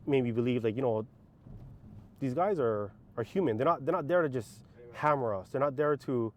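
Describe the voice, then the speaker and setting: A male police officer from Hawaii talks casually in an interview, with halting, informal phrasing. His pitch is average, and there is faint noise behind him. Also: lively intonation.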